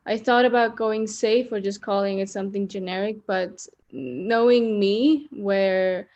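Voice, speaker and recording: A woman's voice: mid-range voice, fairly even intonation, a little slow, a little mellow, lo-fi sound. Candid Estonian woman in her thirties. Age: 30s. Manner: candid, reflective, many ums and uhs. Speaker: podcast guest. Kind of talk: podcast interview.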